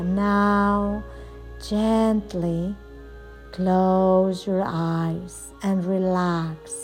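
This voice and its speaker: A woman softly and soothingly guiding a yoga nidra relaxation as the instructor, leaving long pauses between phrases. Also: medium pitch. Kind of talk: guided relaxation meditation.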